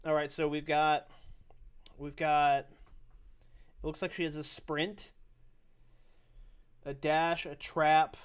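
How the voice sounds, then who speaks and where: A young man gives casual reaction commentary on his stream, rambling loosely and cursing often. His voice sits a bit high for a man. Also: flat delivery, slow pace, long pauses, smooth. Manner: loose, rambling, swears freely.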